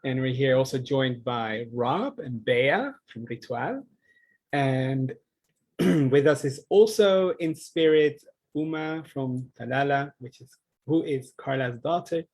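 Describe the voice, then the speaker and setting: Presenter: a man from the Netherlands, in his thirties, thoughtful and a bit halting, on a conference call. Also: mid-range voice, a little mellow, low-quality recording. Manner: earnest, reflective, with frequent ums. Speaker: social enterprise founder presenting. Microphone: video call.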